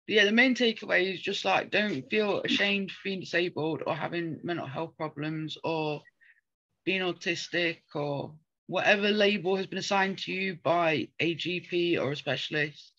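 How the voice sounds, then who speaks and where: A woman's voice: lowish voice, moderate pace, fairly bright tone, muffled recording. A woman co-hosting a casual chat, talking earnestly and rambling with frequent ums. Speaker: podcast co-host.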